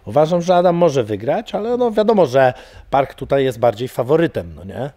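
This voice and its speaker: A man's voice: mid-range voice, very animated, fairly quick, warm tone, no room sound. A middle-aged man, an MMA coach, talking casually in an interview, rambling with many fillers and repeated words. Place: studio with banner backdrop.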